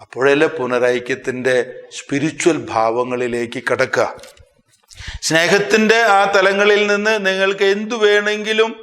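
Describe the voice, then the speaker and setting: Expressive Malayali priest in an echoey hall. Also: male voice. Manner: expressive, with sudden swings in pitch and loudness; slows down sharply to stress phrases. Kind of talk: sermon.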